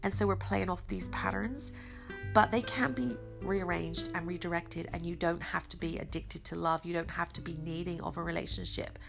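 A middle-aged woman with a slightly hoarse, croaky voice hosts a motivational podcast, speaking earnestly and encouragingly with emphatic pauses. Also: fairly low pitch, steady tone, music in the background. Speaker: podcast host. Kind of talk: motivational self-help monologue.

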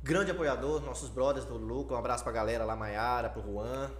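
Fast-talking Brazilian Portuguese podcast man. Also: medium pitch, slight background noise. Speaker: podcast co-host. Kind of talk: casual banter with slang.

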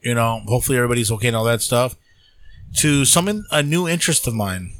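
Male podcast co-host, bright tone, dry close sound, loose swearing chat. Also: medium pitch, quick pace, dry recording. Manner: loose, swearing, animated storytelling. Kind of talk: casual chat.

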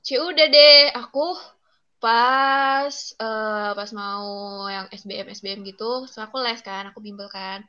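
A woman's voice: on the high side, a little slow, sharp tone, clean tone. A young woman telling a personal story in casual chat, rambling with many fillers. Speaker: interviewee. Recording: muffled lo-fi recording.

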